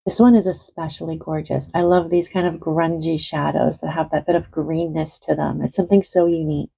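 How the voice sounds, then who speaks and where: A woman from Canada who is a bit winded from being sick, quickly reviewing eyeshadows and listing their color shifts one by one. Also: low voice, level tone, gravelly, mellow, slightly rough, low-quality recording. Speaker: beauty reviewer.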